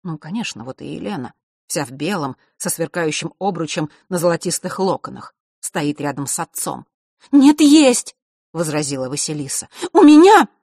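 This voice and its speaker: Low-voiced woman reading an audiobook. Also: gravelly, breathy edge, no room sound, clean studio sound. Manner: measured, expressive reading. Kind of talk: audiobook narration.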